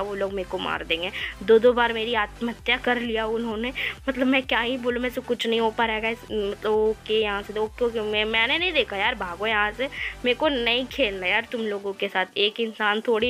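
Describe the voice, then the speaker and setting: Young woman gaming, kinda high voice, panicky chatter, faint music behind. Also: a bit bright. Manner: flustered, exclaiming, talks to viewers as "guys". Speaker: gaming channel host. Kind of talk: casual gaming commentary.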